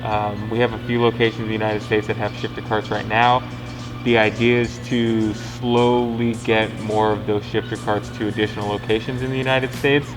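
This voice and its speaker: A man's voice: lowish voice, normal speed, poor audio. A man co-hosting a casual question-and-answer session, explaining things in an informal way. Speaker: company co-host. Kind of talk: casual Q&A talk. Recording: steady music behind the voice.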